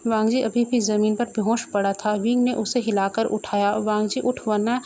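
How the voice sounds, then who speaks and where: A woman telling a comic horror fan story in a lively, playful storytelling manner. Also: mid-range voice, moderate pace, a little hiss or hum.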